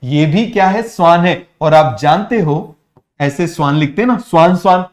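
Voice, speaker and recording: A man's voice: fairly high pitch, lively intonation, moderate pace. A man teaching biology in an online exam-prep lecture, quizzing students with repeated questions and mixing in English science terms. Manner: drills students with repeated call-and-response questions; mixes English science terms into casual talk.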